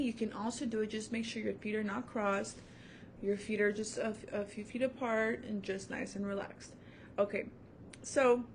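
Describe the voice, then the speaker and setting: A woman's voice: medium pitch, a little hiss or hum. A young adult woman, a music teacher, giving a recorded online lesson to children in an upbeat, encouraging way, with many fillers, seated at home before her camera. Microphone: camera mic.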